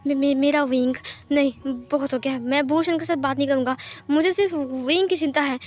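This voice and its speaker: A woman's voice: high-pitched, steady tone, fairly quick, a little mellow, close to an everyday voice. A woman voicing an anguished young man who stammers and repeats himself. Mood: agitated.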